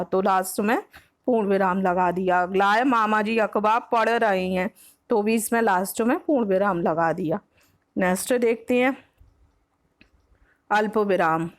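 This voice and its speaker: A woman teacher with a Hindi accent from Uttar Pradesh, explaining grammar for an exam-prep lesson, patiently repeating each point and slipping English words into her Hindi. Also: medium pitch. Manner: mixes English words like next and example into Hindi.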